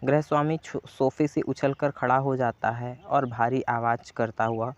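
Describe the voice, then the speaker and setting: A man teaching a story chapter, restating every sentence in simpler words. His pitch is average, and the recording sounds a little muffled and lo-fi. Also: fairly even intonation, a little slow. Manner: retells and paraphrases each line. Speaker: Hindi teacher. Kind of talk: explaining a story lesson.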